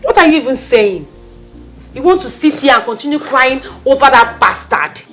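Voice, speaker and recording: Nigerian accent, woman acting pushy caring friend, emphatic and pleading, lively up-and-down pitch. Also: a little slow, soft background music. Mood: insistent. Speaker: consoling friend.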